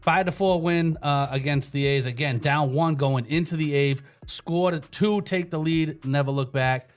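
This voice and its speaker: A man hosting a sports show, chatting casually and slangily like an excited fan. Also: on the high side, moderate pace. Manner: slangy, enthusiastic fan talk. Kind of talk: casual sports banter and commentary.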